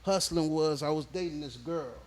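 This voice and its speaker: A man, a rapper telling stories in a relaxed, slang-heavy interview, often checking in with the listener. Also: fairly high pitch, normal speed, crowd noise. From born in Nigeria, raised in Houston, Texas. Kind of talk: casual interview storytelling.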